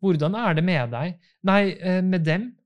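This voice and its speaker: A man's voice: high-pitched, dull audio, lightly acted. A man reading the part of an anxious, loving young bride in an audiobook.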